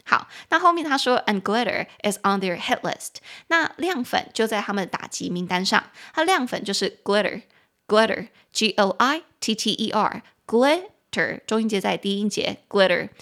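A woman hosting a podcast, giving a casual English lesson in a chatty, animated way and spelling words out letter by letter. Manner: animated pitch jumps, laughs easily. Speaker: podcast host teaching English.

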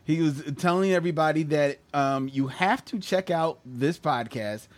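A man's voice: fairly high pitch, normal speed, no room sound. A man co-hosting a podcast in casual chat, reading listener reviews and laughing often. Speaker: podcast co-host.

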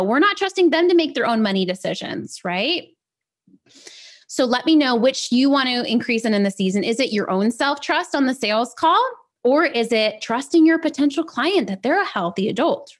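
Bubbly, high-voiced woman coach. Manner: chatty, upbeat, peppered with "like" and "right?", laughs often. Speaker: business sales coach, show host. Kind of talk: live teaching talk to viewers.

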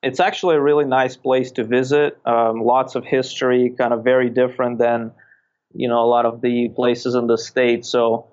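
Podcast guest from Russia, thirties, measured and flat, somewhat muffled audio. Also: male voice, medium pitch. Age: 30s. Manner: measured, hesitant, many fillers. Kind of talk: casual interview chat.

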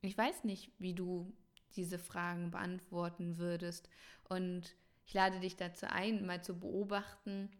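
Slow, calm woman speaking as a coach. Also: fairly low pitch. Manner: calm, measured, addresses listener directly; slow, thoughtful pauses. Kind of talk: reflective spoken talk to listeners.

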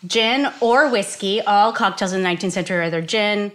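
A woman's voice: mid-range voice, a little fast, a bit bright. A woman co-hosting a casual chat, explaining the history of spirits while mixing cocktails, with many "you know" fillers.

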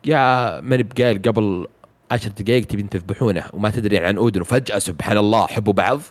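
A man's voice: lowish voice, quick pace. A man recapping a video game plot in casual chat, rambling with many fillers and restarts.

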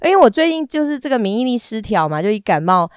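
Hoarse, stuffy-nosed woman podcaster. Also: on the high side, sing-song, fast, no echo, studio quality. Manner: frank, bawdy and giggly, rambling. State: hoarse and congested. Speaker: podcast host. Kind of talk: casual solo podcast chat.

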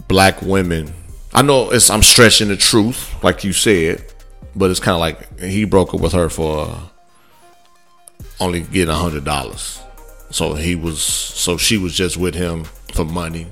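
Deep-voiced man hosting a sports talk show. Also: fairly bright tone. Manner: loose and conversational, with many fillers and restarts. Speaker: podcast host.

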